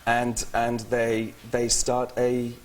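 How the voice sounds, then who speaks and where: A man's voice: medium pitch, completely flat delivery, slow pace, a little hiss or hum. Chatty British man guest, laughing often. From England. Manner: chatty, laughing, self-interrupting storyteller. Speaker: actor guest. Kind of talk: talk show interview.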